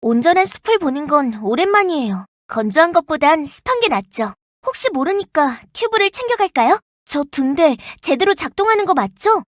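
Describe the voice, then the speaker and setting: A voice actress playing a young, earnest and protective firefighter in a game, polite and gentle, snapping into crisp radio-style reports. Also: female voice, high voice, sing-song, normal speed, few pauses, dry recording, clean studio sound. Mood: calm, gentle. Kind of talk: game character voice lines. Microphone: dry studio mic.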